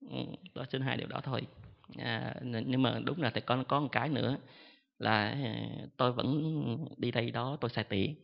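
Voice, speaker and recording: A Buddhist monk tells an audience a chatty, self-mocking story, filling his pauses with drawn-out "à" sounds. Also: mid-range voice, steady tone, gravelly. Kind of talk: storytelling dharma talk to an audience. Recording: dull lo-fi sound in a long reverberant hall.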